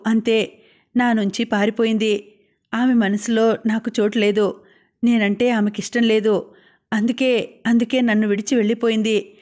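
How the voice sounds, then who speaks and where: A woman's voice: fairly high pitch, a little mellow, lightly acted. A woman voicing a troubled young husband who pleads with his father in an anguished way.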